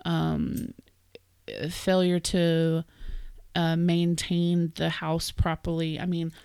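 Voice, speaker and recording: A woman's voice: lowish voice, monotone, slow, gravelly, a little mellow, smooth, no room sound, studio quality. A woman co-hosting a podcast in casual chat, thinking aloud with fillers. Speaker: podcast co-host.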